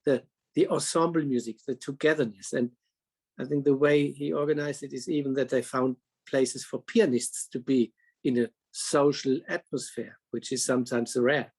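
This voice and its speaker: A man moderating a panel talk, speaking haltingly with many restarts and slightly non-native phrasing. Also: medium pitch, steady tone, a little mellow, husky.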